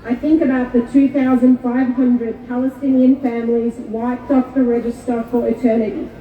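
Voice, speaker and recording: A woman born in Kuwait giving a measured, solemn prepared speech to an outdoor rally. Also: fairly high pitch, flat delivery. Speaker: rally speaker. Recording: echoey far-off PA with tinny sound.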